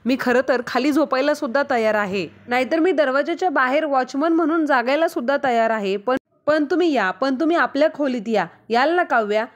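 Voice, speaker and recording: A woman's voice: sits high, brisk, lightly acted. A woman reading the lines of an anxious young husband who scolds his wife out of worry. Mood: pleading. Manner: urgent, worried scolding.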